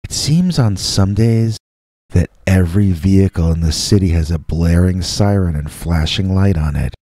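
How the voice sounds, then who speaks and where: A man with a very low, dark voice tells a scary first-person story, a host reading listener stories in the persona of Bigfoot. He reads slowly and deliberately, leaving dramatic pauses between short phrases, and the recording is close and very dry.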